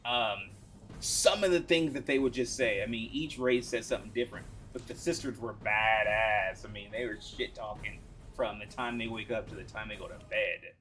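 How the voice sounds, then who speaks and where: A man streaming a game live, chatting casually in a rambling, excitable way with many restarts. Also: lowish voice, moderate pace. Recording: game music playing behind.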